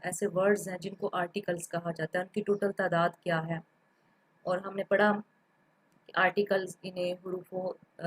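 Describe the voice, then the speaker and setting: A woman's voice: medium pitch, slightly rough, low-quality recording. A woman giving a patient, step-by-step grammar lecture, repeating examples and mixing in English terms. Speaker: teacher.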